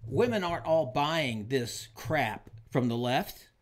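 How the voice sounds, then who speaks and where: A man's voice: mid-range voice, lively intonation, takes it slowly. A man from Oklahoma, hosting a show and delivering an opinionated political monologue with emphatic, repeated lines. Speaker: show host.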